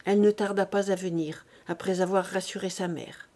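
A woman narrating an audiobook of a classic novel in a measured, restrained way. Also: on the low side, steady tone, dark tone.

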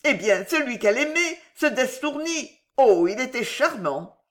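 Une femme qui joue une jeune femme de chambre rusée, volubile et enjôleuse, qui plaide avec aplomb. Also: female voice, high voice, big pitch swings, a little slow, a bit bright, pitched above the performer's own voice, exaggerated voice. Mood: enjôleur. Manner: voluble, wheedling, theatrical. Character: young cunning female chambermaid, glib and persuasive.

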